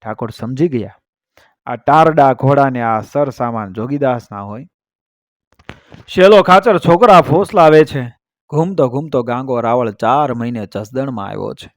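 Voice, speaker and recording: A man's voice: a little slow, dry recording. Dramatic storytelling man, dry close sound. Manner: swells loud and high on quoted battle cries. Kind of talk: dramatic folk-tale narration.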